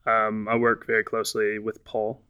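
A man's voice: on the low side, completely flat delivery, moderate pace, clean tone, highs cut off. An American man from southern Virginia in his twenties, co-hosting a podcast in casual, hesitant chat full of fillers and restarts. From southern Virginia, USA. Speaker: podcast co-host, cinema staff member.

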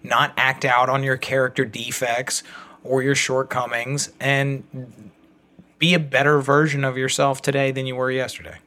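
A man's voice: medium pitch, flat delivery, moderate pace, bright, forceful tone. A man hosting a recovery podcast in loose, casual talk, joking and swearing freely. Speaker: podcast host.

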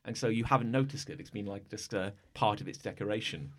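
A man running a tabletop game as game master, describing the scene in a loose, halting way. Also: fairly low pitch, fairly bright tone. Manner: loose, halting, filler-heavy narration.

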